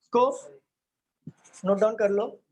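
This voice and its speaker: In a live online reasoning class, a man explains things step by step, keeps quizzing students, and mixes English terms into his Hindi. His voice sits high, steady, slow, and a little mellow. The lecture stream sounds dull and lo-fi with faint noise.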